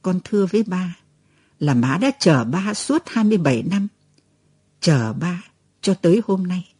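A woman voicing a dying older mother, faint and breathy. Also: mid-range voice, very animated, warm tone, no echo. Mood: fading. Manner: faint, halting, breathy whisper. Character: dying older mother, weak yet resolute.

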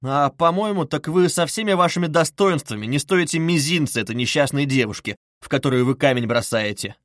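A man's voice: a little high, fairly quick, fairly bright tone, dry recording, clean studio sound, lightly acted. A man reading aloud voices a brooding young man who speaks bluntly and with contempt. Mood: defiant.

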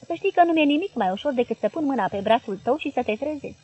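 A woman reading the part of an intense male hypnotist who coaxes and commands a girl in a trance, in a husky voice. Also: sits high, lively intonation, dark tone, highs cut off. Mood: urging. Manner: insistent, urging.

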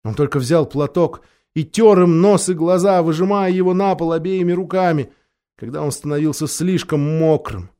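A man narrating a children's fantasy storybook in a measured, expressive reading style. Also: a little high. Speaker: audiobook narrator. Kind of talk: scripted narration.

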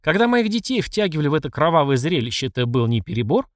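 A man's voice: a little high, big pitch swings, fast, no room sound, studio quality. A man voicing a furious middle-aged emperor who scolds and accuses his mother. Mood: angry. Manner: angry and accusing.

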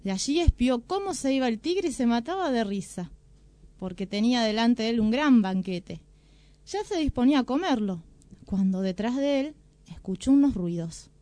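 Expressive woman storyteller. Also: fairly high pitch, moderate pace, dry recording. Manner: expressive, animated. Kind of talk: storybook narration. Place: radio studio.

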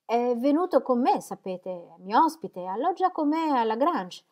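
A woman reading puts on a fussy older gentleman who rambles on in chatty loops, his voice lifting high and bright as he talks. He tumbles from one remark to the next, storybook style. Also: sing-song, moderate pace. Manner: rambling, chatty, repeats himself.

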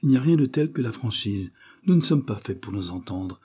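A man's voice: fairly low pitch, expressive, brisk, mellow, husky. A man voicing a cold, haughty young woman in an audiobook, speaking curtly and with icy superiority.

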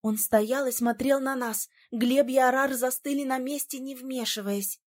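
Woman reading a fantasy audiobook, kinda high voice, dramatic delivery. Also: fairly even intonation, measured pace. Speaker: audiobook narrator. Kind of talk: scripted first-person narration.

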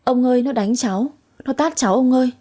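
Young woman, spiteful and sharp-tongued granddaughter in a spoken story, a woman voicing her; breathy tone. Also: fairly high pitch, expressive, normal speed. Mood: whimpering. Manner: sharp, resentful and quarrelsome.

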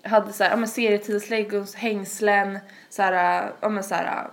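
A woman's voice: mid-range voice, steady tone. A young woman tells a long story in casual podcast chat. She rambles, stacks fillers and acts out quotes as she goes. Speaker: podcast host.

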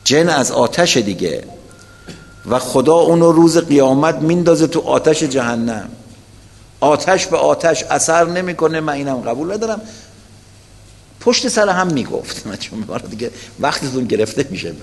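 A man's voice: on the high side, expressive, in a large hall. A man preaching to a weekly religious gathering, telling a story and putting questions straight to his listeners. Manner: storytelling, addresses listeners directly with rhetorical questions. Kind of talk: religious lecture to a weekly congregation.

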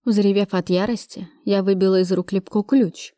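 Woman reading a tense audiobook, mellow voice. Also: medium pitch, fairly even intonation, normal speed, no room sound, clean studio sound. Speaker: audiobook reader. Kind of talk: first-person audiobook narration.

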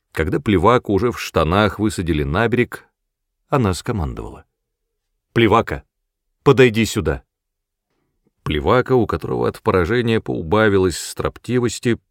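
Low-voiced male audiobook narrator. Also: vocal fry, no room sound, studio quality. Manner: even, unhurried storytelling. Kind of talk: scripted narration.

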